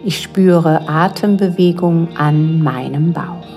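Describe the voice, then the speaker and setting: A woman leading a guided mindfulness exercise as a yoga guide, speaking calmly and gently with unhurried pauses. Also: sits low. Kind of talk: guided meditation narration. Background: soft relaxation music.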